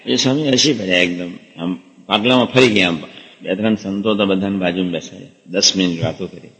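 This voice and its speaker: A man's voice: low-pitched, brisk, fairly bright tone. A man giving a sermon, telling a personal story in an earnest, emphatic way and repeating key words for stress. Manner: drops English words into his talk. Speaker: spiritual teacher giving a discourse. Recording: long reverb of a large hall.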